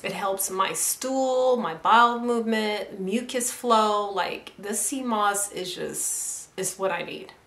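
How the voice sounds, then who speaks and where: A woman's voice: medium pitch, slow, few pauses, fairly bright tone. A young woman, chatting enthusiastically in a casual product review vlog and filling her talk with "like". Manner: chatty, enthusiastic, fills speech with "like". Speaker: YouTuber. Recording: echoey room.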